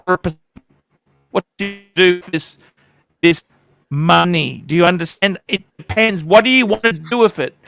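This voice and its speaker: A man's voice: high voice, measured pace, gravelly, long pauses, a bit bright, faint music behind. Man on a glitching, freezing stream feed. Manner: emphatic, repeats points for stress. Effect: glitching, freezing audio that keeps breaking up. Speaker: livestream host. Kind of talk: casual livestream chat.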